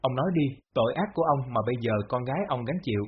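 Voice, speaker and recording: A man reading the lines of a long-suffering middle-aged mother who speaks slowly and pleads. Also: medium pitch, slight background noise, natural voice. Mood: bitter. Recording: dull lo-fi audio.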